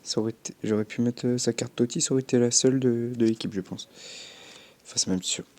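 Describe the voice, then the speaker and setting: A man's voice: medium pitch, steady tone, quick pace, darkish tone, slight background noise. A young man chatting casually as a gaming YouTuber, commenting on his game with offhand swearing and little sound effects.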